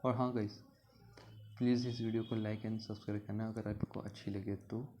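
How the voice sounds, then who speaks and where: A man gives a casual, patient lesson, repeating each example word slowly and checking in with his viewers. His voice is mellow and dark, with little rise and fall in pitch. He sounds steady and unhurried. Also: slight background noise. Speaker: language teacher.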